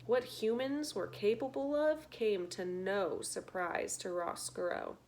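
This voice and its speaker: A woman reading a children's novel aloud in a slow, gentle, expressive way. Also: mid-range voice, creaky. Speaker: reader. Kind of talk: storybook read-aloud.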